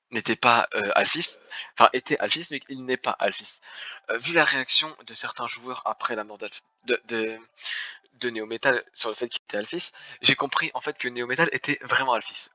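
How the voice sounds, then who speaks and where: Man, game player on voice chat; sharp bright tone, theatrical formal accuser, lo-fi sound. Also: medium pitch, no echo. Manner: theatrical, formal "mon cher" lecturing, stumbling restarts. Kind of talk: heated game accusation speech. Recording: dry, dull lo-fi voice chat.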